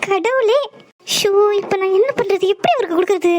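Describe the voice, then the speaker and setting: A woman plays a young cartoon wife. Her very high voice turns fretful and vain with her husband, then gentle and reassuring as an elder sister. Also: brisk, no echo. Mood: fretting.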